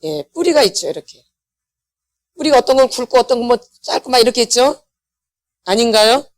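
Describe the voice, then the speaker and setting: A woman's voice: fairly high pitch, lively intonation, fairly quick, no echo, clean studio sound. A middle-aged woman, a pastor's wife, giving a church healing lecture, asking her listeners questions and repeating the key words back to them. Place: church hall.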